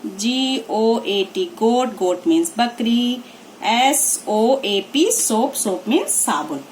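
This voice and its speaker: Slow, echoey woman teaching phonics. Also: on the high side, lively intonation, a little mellow. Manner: spells out letters slowly, then gives Hindi meanings. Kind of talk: phonics lesson for young children. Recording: echoey room with faint noise.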